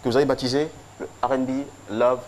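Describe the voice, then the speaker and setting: A man's voice: medium pitch, fairly even intonation, fast talker, a little mellow, a little hiss or hum. A man delivering a tribute speech on a TV show, solemn and rhythmic, leaning on repeated phrases. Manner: solemn, rhythmic, with emphatic repetition. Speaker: tribute presenter.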